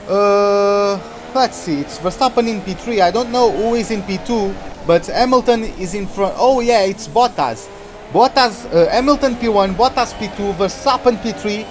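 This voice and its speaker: Male gamer commentating over loud engine noise. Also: high voice, moderate pace. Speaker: video game player and commentator. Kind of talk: casual live gameplay commentary. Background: racing game car engines.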